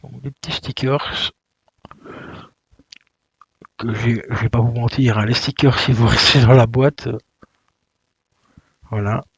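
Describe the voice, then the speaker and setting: A man's voice: medium pitch, steady tone, takes it slowly, creaky, long pauses, breathy edge, dry recording, lo-fi sound. A man chatting casually while he unboxes a video game, with lots of fillers and self-corrections. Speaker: YouTuber unboxing video games.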